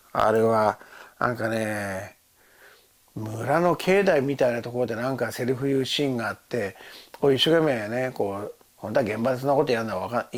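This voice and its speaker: A husky older man talks in a slightly tipsy, casual monologue about life as an actor. His pitch swings up and down a lot as he rambles. He laughs often and mimics the people in his stories. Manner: rambling storytelling with laughs and quoted voices. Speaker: actor recalling a film shoot.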